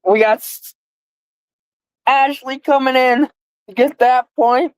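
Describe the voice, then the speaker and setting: A woman's voice: high voice, steady tone, takes it slowly, clean tone, no room sound. A woman in her twenties hosting a casual live guessing game, with slurred, lisping speech from a mouth guard. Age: 20s. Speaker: live stream host.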